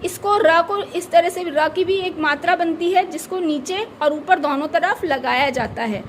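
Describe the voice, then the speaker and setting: Her pitch is extremely high and her pace unhurried as this schoolteacher patiently explains grammar to children. She leans on repeated key words and answers her own questions, with a little noise in the background.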